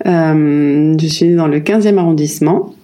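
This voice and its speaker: Hesitant French woman with a dark voice. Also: deep voice, normal speed. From France. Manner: hesitant, many fillers and restarts. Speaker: brand founder, guest. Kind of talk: reflective interview answers.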